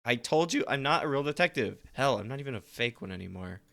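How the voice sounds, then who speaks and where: A man's voice: medium pitch, lively intonation, quick pace, vocal fry, a bit bright. A man reading the lines of a curt, sarcastic woman who plays a detective, in a game. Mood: irritated.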